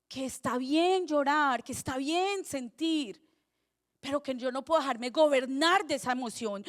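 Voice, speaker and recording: A middle-aged woman pastor, preaching a sermon in a conversational, animated way with rhetorical questions. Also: sits high.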